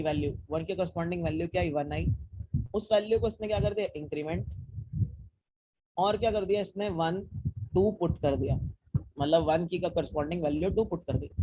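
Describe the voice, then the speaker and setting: This programming teacher is a young man whose voice is high-pitched yet dark in tone, captured on a low-quality recording. In a live online coding class, he guides students through code step by step, quizzes them, and blends English tech terms into relaxed Hindi.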